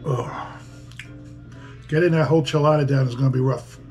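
A man's voice: mid-range voice, fairly even intonation, moderate pace, darkish tone, soft background music. A man vlogging an eating challenge at home, chatting and joking between mouthfuls. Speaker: beer review vlogger. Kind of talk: casual eating challenge vlog.

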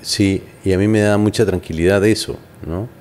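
A man hosting an interview, conversational, with quick short acknowledgements. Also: deep voice, fairly even intonation, a little mellow, a little hiss or hum. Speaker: host. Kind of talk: casual interview.

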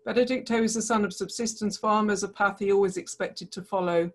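A woman presenting a prepared project pitch on behalf of a partner group, in a steady delivery. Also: a little fast.

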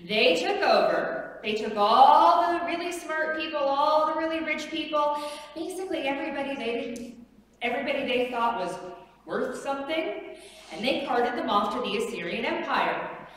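A middle-aged woman pastor preaching in a large church sanctuary, her voice a little high and carried by a long hall reverb. She tells the story with lively energy and asks the congregation questions. The sound comes from a camera far back in the room, with faint noise underneath. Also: normal speed. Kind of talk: sermon.

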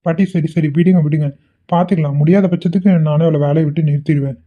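A woman's voice: low voice, steady tone, quick pace, phone-quality sound. A woman voicing an easygoing young husband in a cartoon, soothing and coaxing. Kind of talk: Tamil cartoon voice acting.

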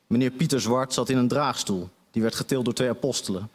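A man's voice: medium pitch, fairly quick, breathy edge, big-room sound. A man giving a live reading of a satirical comic story on a stage, with dry, wry narration. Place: stage of a debate venue.

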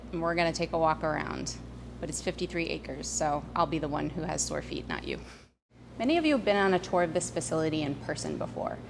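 Brief: New woman, lowish voice, walking tour guide, traffic noise behind. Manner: friendly explanatory walking talk. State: slightly out of breath. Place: outdoors on a city street and inside a visitor center. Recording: noisy street ambience with traffic.

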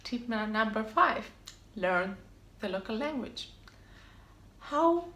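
Slow yet animated, this vlogger's slightly high, somewhat bright voice carries her scripted tips to camera on living abroad. She's upbeat and emphatic, repeating short punchy answers, recorded in an echoey room with faint ambience.

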